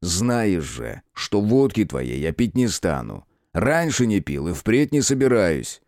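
Guy doing a stern police detective, low voice, dry measured talk, close dry mic. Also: very animated, darkish tone, no room sound, full character voice.

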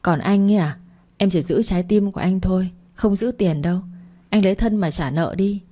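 A woman's voice: medium pitch, fairly quick, mellow, natural voice. Woman reading as a cheerful young florist.

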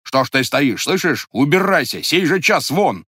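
A man doing a stern, shouting young blacksmith. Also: mid-range voice, lively intonation, measured pace, dry recording, studio quality, pitched above the performer's own voice. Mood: angry shouting. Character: young burly blacksmith, stern and hot-tempered.

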